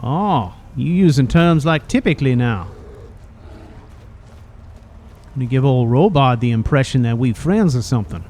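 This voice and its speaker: A man's voice: medium pitch, expressive, brisk, dark tone. A man voicing a cheeky, chatty old rusty robot in a game, with a folksy drawl and teasing manner. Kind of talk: video game character dialogue.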